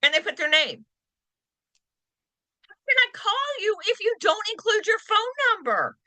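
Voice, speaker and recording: Lively bright-voiced woman teaching agents. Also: extremely high pitch, measured pace, no room sound. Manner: lively, acts out quoted lines in varied voices. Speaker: real estate trainer. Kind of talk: continuing education class talk.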